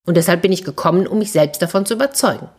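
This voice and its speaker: A woman storyteller voicing a sly, flattering talking tomcat in boots who orders farm workers about and sweet-talks a wizard. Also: lowish voice, very fast, breathy edge. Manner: bold, persuasive, theatrically flattering.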